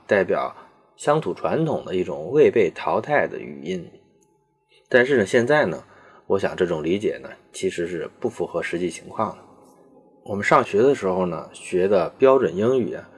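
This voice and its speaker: A man giving a measured, explanatory lecture, pausing often on fillers and slowing down to demonstrate English words. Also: low-pitched, husky. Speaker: video lecturer on English accents.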